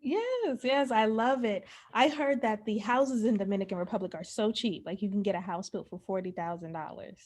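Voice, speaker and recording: A woman hosting a casual interview, enthusiastic, agreeing quickly and laughing along with her guest. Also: medium pitch, lively intonation, darkish tone. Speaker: podcast host.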